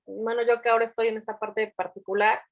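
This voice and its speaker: A fairly high-voiced woman, talking on a video call as a forensic psychologist. She tells her stories in an animated way and acts out the voices of the people she quotes. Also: fast, highs cut off. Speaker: forensic psychologist in family court. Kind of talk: panel discussion over video call.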